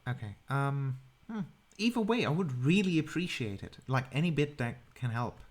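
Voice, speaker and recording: A man's voice: mid-range voice, expressive, normal speed. A man narrating an improvised tabletop game as game master, hesitant and often correcting himself.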